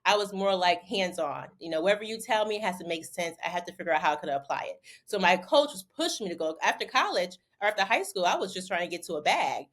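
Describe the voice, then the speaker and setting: A young adult woman from Connecticut, a guest in a casual interview, telling animated stories and repeating words when she gets excited. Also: lowish voice, quick pace, few pauses. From Bridgeport, Connecticut. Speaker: interview guest, former basketball player turned model.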